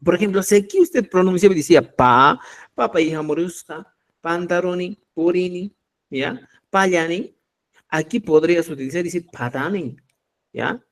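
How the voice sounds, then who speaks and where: A man from Cusco with a Peruvian Spanish accent, teaching a live online language class. He explains step by step, demonstrates sounds slowly and keeps checking in with his listeners. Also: high-pitched. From Cusco, Peru. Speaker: Quechua teacher.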